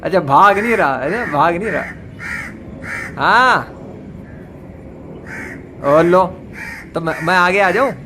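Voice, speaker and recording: Man vlogger, slightly high voice, slow chatty delivery, coaxing a crow; outdoor phone audio with clear background noise. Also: animated. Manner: chatty, playful, coaxing and talking to the bird. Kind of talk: casual vlog, talking to a crow. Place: outdoors near a perched crow, after drizzle. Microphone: phone camera.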